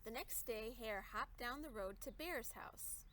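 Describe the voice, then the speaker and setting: A woman with a fairly high, bright voice reads a children's picture book aloud. She is expressive and explanatory, stepping out to question young listeners, over faint background noise. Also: unhurried. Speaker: storybook reader.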